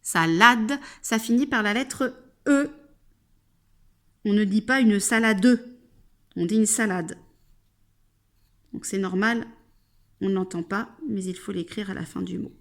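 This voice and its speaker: A woman's voice: mid-range voice, steady tone, unhurried, pauses often. A woman teaching children to spell, patiently sounding out each syllable and reassuring them.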